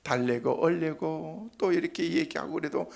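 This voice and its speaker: A middle-aged man, a senior pastor, preaching a sermon in a folksy storytelling way, with jokes and sudden hushed tones. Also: a little high, normal speed, creaky.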